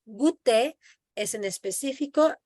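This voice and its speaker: A slow, measured woman with a slightly high voice leads a language lesson over a video call. She models each word patiently for her student to repeat. The sound is dry and close. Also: animated, a little mellow, no echo. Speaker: French teacher. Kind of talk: online language lesson, explaining in Spanish and French.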